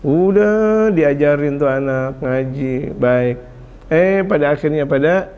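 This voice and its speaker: Lively high-voiced preacher. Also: male voice, lo-fi sound. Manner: lively, jokes and acts out scolding parents. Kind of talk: sermon.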